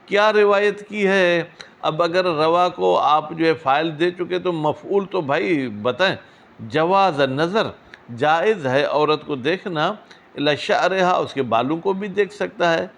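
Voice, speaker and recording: In a seminary lecture on a legal text, a fairly high-pitched man reads Arabic phrases at a slow pace and then breaks into rapid, question-filled explanations for his students.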